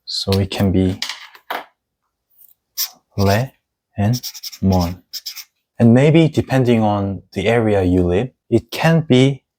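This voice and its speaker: A man with Korean as his first language, teaching an online lesson in a slow, deliberate explaining manner, spelling out letter sounds. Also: lowish voice, animated, dark tone.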